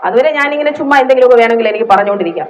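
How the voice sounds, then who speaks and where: Brief: woman preacher with a Malayali accent, higher-pitched, emotional sermon delivery, faint room noise. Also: animated, racing, muffled recording. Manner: emotional, rising into fervent prayer; frequent hallelujahs.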